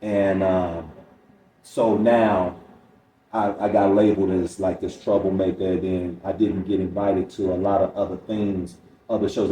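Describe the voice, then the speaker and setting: This middle-aged comedian sounds low and dark as he speaks candidly on a podcast, telling stories and quoting people along the way. The mic is far away, the room is echoey, and there is faint noise.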